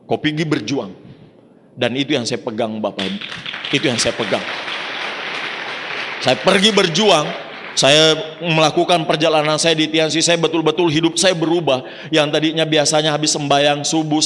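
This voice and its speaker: A man from Indonesia, speaking a little higher than most men, tells his own success story to a seminar audience. His delivery is animated, and his voice climbs when the emotion builds. He keeps turning to address the crowd, and his voice rings out with a long reverb in a large hall. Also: normal speed. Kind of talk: motivational testimony talk.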